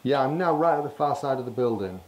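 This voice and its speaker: Fast-talking and animated, a medium-pitched vlogger chats casually while filming a walkie-talkie test in the hallways of a residential building. The sound is lo-fi, with a crowd in the background and background noise coming through clearly.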